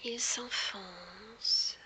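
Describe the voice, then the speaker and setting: A woman guiding a hypnosis session in a hushed, breathy whisper right in the listener's ear, soothing and deliberate with long pauses. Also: mid-range voice, rough recording. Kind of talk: guided hypnosis, soft ASMR delivery.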